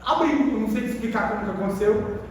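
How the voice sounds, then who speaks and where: A man's voice: high voice, quick pace, darkish tone, slight background noise. A man preaching a sermon, telling a personal conversion story in an emotional, conversational way with casual slang and a Brazilian accent. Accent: Brazilian Portuguese. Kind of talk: sermon testimony. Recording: echoey hall from far off.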